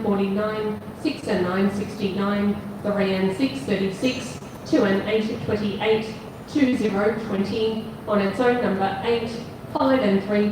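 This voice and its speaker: A woman working as a bingo caller, announcing numbers digit by digit in a measured, repetitive delivery. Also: medium pitch. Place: large bingo hall. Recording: echoey hall PA, distant, noisy room.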